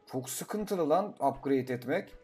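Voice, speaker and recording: A young man giving casual gameplay commentary, talking to himself, swearing and breaking into excited outbursts. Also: fairly high pitch, slow pace, slightly rough, faint music behind. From Turkey. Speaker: gaming YouTuber.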